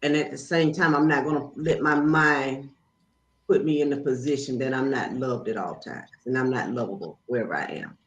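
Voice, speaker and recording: A woman guest in casual spiritual conversation, telling stories in an animated, preachy way. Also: a bass voice, normal speed. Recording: roomy, dull, faint noise.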